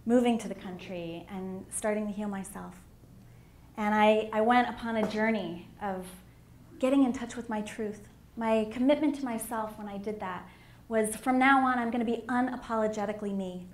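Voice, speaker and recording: A middle-aged woman giving a candid, animated personal talk as a conference speaker on a stage microphone. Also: medium pitch. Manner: candid and animated, with emphatic swells. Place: conference hall. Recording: echoey hall with faint room noise.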